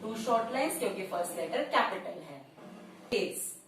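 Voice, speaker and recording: A woman's voice: medium pitch, animated, normal speed, recorded from a distance, a little hiss or hum. A woman teaching shorthand step by step, calling out each stroke in short phrases and repeating every word. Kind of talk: slow step-by-step tutorial. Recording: very echoey room, voice off-mic.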